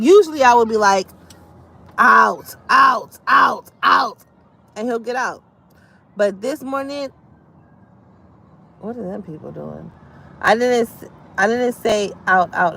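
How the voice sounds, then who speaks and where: A woman's voice: medium pitch, slight background noise. A woman hosting a casual live stream from home, chatting to her viewers and calling them y'all and baby. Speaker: livestream host.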